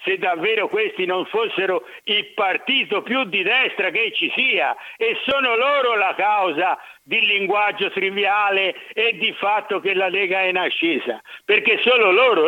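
A man's voice: high voice, normal speed, few pauses. A man calling in to a radio show over a landline phone, arguing in a heated, insistent way. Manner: heated, argumentative. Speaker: radio call-in caller. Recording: narrow tinny phone line.

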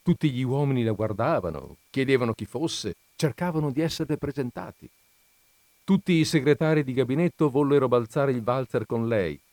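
A man narrating a classic story as an expressive, dramatic audiobook reading. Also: mid-range voice, normal speed, dry recording.

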